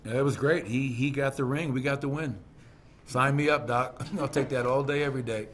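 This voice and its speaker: Middle-aged coach talking into a desk mic. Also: male voice, medium pitch, steady tone, fairly quick, slight background noise. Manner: candid, conversational, peppered with fillers and restarts. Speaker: basketball head coach. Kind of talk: post-game press conference answers. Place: team press room, seated at a table. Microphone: desk microphone on a stand.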